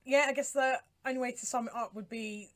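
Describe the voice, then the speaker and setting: A British woman co-hosting a podcast, chatting casually with lots of fillers and agreeing, her voice often trailing off softly. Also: on the high side, fairly even intonation, fairly quick. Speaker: podcast co-host. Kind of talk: casual chat reviewing songs.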